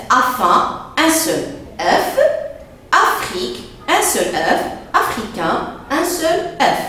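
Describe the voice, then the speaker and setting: A woman's voice: fairly high pitch, sharp tone, slight background noise. A woman teacher giving a spelling lesson, patiently spelling words out letter by letter. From Morocco. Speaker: primary school teacher. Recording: echoey room, mic at a distance.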